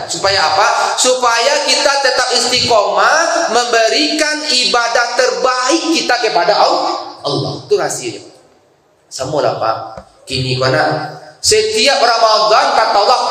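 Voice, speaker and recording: A middle-aged man with a West Sumatran accent giving a lively Ramadan sermon, often asking his congregation questions. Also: sits high. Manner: animated, conversational, asks the congregation questions. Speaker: preacher. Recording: very echoey hall.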